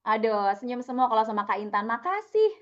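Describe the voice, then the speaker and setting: Upbeat young woman trainer, higher voice, chatty coaxing tone, slightly dull video-call audio. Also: very animated, fairly quick. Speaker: online trainer.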